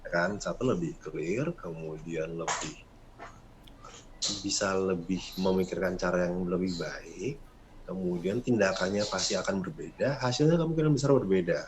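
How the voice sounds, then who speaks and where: A man, a breathing coach, explaining calmness in a relaxed casual chat. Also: normal speed, noisy background. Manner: calm, explanatory, animated pitch swings.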